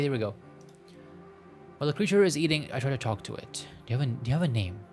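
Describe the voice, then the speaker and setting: A creaky, mid-range male voice reads a visual novel aloud for a gameplay video. His commentary is playful and self-mocking, he stumbles over the text, and music plays in the background.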